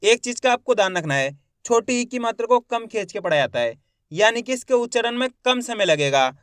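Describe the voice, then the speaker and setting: A man teaching Hindi reading in an online lesson, who asks questions and answers them himself, drawing out syllables slowly. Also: very high voice, lively intonation, a bit bright, clear, resonant tone, no room sound, clean studio sound.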